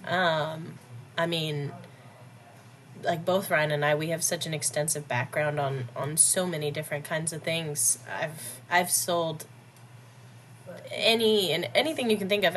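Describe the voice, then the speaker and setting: A woman's voice: low voice, moderate pace, a bit bright, a little hiss or hum. A woman in a casual interview, blunt and joking, laughing often as she talks about running her own business. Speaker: podcast guest, business owner.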